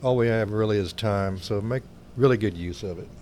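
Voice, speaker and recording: A man co-hosting a casual podcast, talking reflectively with many pauses and fillers. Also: on the low side, a little mellow, a little hiss or hum. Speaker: podcast co-host.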